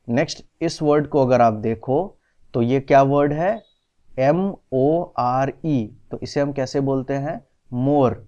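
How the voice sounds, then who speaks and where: A male teacher giving a classroom lesson in a slow, patient way, mixing Hindi and English and spelling words out letter by letter. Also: mid-range voice, mellow. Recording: dull, slightly lo-fi recording.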